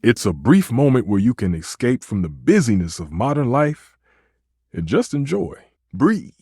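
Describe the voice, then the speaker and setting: Stefan, wildly animated flirty stove chef. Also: male voice, mid-range voice, moderate pace, breathy edge, no echo, studio quality. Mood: earnest, tender. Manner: theatrical, expressive, swinging between exclaiming and murmuring. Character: passionate, dramatic, flirtatious living stove who is a chef. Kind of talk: voiced dating video game character lines.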